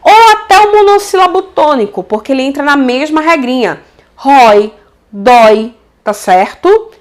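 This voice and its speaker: A high-pitched Brazilian woman with a Brazilian Portuguese accent gives a casual grammar lesson on video. She's warm and lively, checks in with her students often, and stretches out example words slowly.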